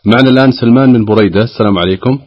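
A man hosting a call-in Quran recitation program, announcing briskly. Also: medium pitch, muffled recording. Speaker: program host.

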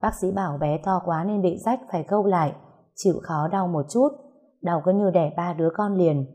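A woman's voice: on the low side, normal speed, mellow, slightly rough. A woman reading a serialized story aloud, voicing the characters' lines within her narration.

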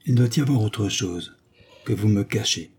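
A man reading the part of a young defense lawyer in an audiobook, questioning his client. The voice is low and mellow with a husky edge. He coaxes and presses with calm patience. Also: normal speed. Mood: probing. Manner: coaxing, questioning. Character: young male lawyer, probing, patient, gently persuasive.

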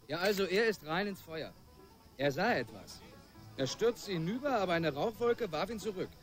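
An actor playing a firefighter who vividly retells a rescue in a radio drama. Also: male voice, high voice, lively intonation, normal speed, faint music behind. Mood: recounting. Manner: vivid storytelling.

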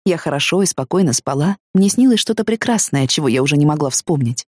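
Woman, audiobook narrator, first-person novel, expressive reading, low voice, dry close sound. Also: quick pace, dry recording. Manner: expressive, emotionally engaged reading.

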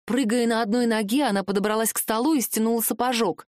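Audiobook narrator: woman, first-person storytelling, fairly high voice, dry studio sound. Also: fairly even intonation, quick pace, a little mellow, dry recording.

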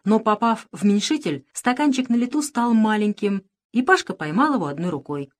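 A woman narrating a children's story in a lively, expressive way. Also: medium pitch, normal speed. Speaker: audiobook reader.

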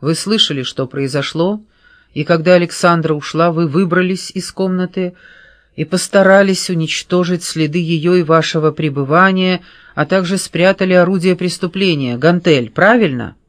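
Detective role done by the reader: a pushy, sharp-witted man who grills a suspect with sarcasm, in a dry, slightly high voice. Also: moderate pace, no room sound, natural voice. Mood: pressing. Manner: pressing, sarcastic interrogating.

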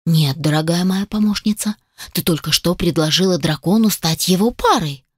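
A woman reading an audiobook and voicing a stern, teasing male dragon in a lowered, dry, commanding voice. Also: moderate pace, husky, no room sound. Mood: bossy.

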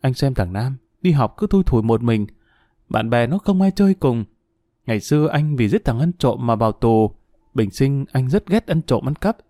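A man's voice: mid-range voice, lively intonation, moderate pace, mellow, no echo, studio quality, natural voice. A man voicing a worried young wife who pleads earnestly with her husband. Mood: pleading.

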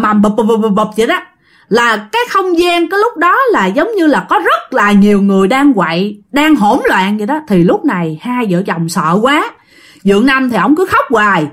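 A woman's voice: fairly high pitch, sing-song, normal speed, a bit bright. A woman with a Southern Vietnamese accent telling a ghost story to her listeners, imitating knocking sounds as she goes.

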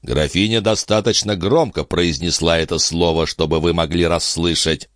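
A man's voice: deep voice, normal speed, no echo, studio quality, natural voice. A man voicing a cool scheming count. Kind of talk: audiobook character voice.

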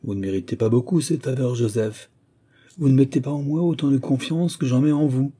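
A man voicing a shrewd, gruff, fatherly old male cloth merchant who lectures and exclaims in an audiobook. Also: medium pitch, a little fast, dark tone, voice pushed up, close to an everyday voice. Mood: stern.

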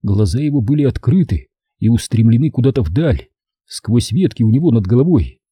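A man reads a story aloud in a very dark, mellow, husky voice. His pitch moves widely as he narrates expressively, and the recording is dry and close. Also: lively intonation, brisk, no room sound. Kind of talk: audiobook reading.

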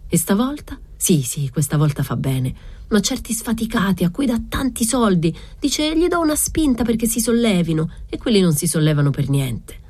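Earnest rambling servant in an audiobook, voiced by a woman reader, mellow and husky. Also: mid-range voice, very animated, moderate pace, no room sound, pitched above the performer's own voice. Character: loyal chatty male servant.

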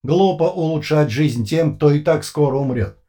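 A man voicing an unseen, emotionless interrogator with a booming, colourless metallic voice, firing short clipped questions loudly and slowly without pause, in an audiobook reading. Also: natural voice. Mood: cold, flat. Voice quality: flat, metallic, toneless.

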